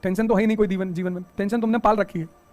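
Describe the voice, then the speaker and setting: High-voiced fast-talking male teacher. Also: soft background music. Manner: animated, rhetorical questions, joking asides. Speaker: exam coaching teacher. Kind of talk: motivational classroom talk.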